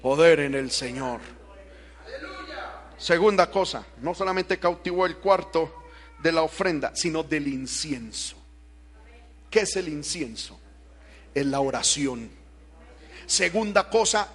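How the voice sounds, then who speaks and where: A man preaching an impassioned evangelical sermon, shifting between loud shouted exhortation and quieter talk, driving points home with rhetorical questions. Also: on the high side, a little slow, pauses often.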